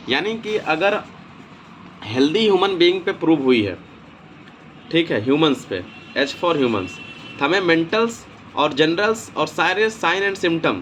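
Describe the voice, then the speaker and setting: Man lecturing in a slightly higher voice. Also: a bit bright, slight background noise. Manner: explanatory, repeats points with frequent "ठीक है". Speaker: homeopathy teacher. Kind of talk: recorded lecture.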